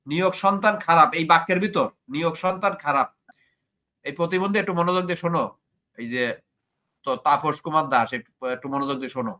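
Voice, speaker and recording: A man's voice: fairly high pitch, fast, pauses often, bright, forceful tone. A man hosting a heated live debate, repeating himself and taunting his opponent. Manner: repetitive, taunting, insulting. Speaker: live stream host.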